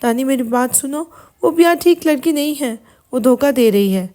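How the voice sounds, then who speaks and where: A woman's voice: high voice, animated, mellow. A woman doing a timid, hurt young woman. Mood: pleading. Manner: pleading, fearful.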